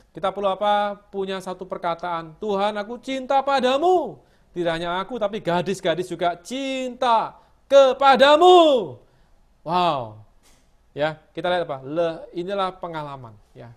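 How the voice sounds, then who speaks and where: A middle-aged man giving sermon-style Bible teaching over a video call, emphatic, asking his listeners rhetorical questions. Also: high-pitched.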